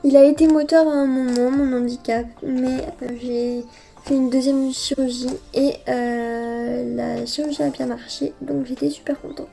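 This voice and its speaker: A woman's voice: high voice, flat delivery, measured pace, gravelly, mellow, faint music behind. A woman beauty YouTuber chatting casually through a haul vlog, hesitant and full of filler sounds.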